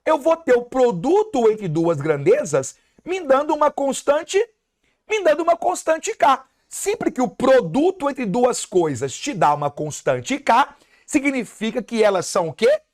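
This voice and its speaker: Brazilian math teacher pumping up the class, voice jumping all over. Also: mid-range voice. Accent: Brazilian Portuguese. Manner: animated, talks to students as "pessoal" and "moleque", hypes the answer. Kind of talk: energetic exam-review lesson.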